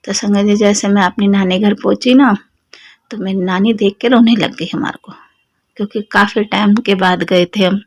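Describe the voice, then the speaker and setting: A woman's voice: mid-range voice, steady tone, moderate pace. Fervent young woman with a Delhi accent. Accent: Delhi Hindi. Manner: addresses listeners as sangat ji, fervent and personal. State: slightly sore throat. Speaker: devotee sharing satsang experience. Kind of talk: devotional testimony talk.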